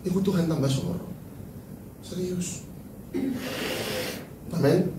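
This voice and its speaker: A man preaching a sermon as pastor, animated and joking, then dropping to soft, tearful tones. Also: high voice, takes it slowly, background noise. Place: large church hall. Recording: echoey church hall from far off.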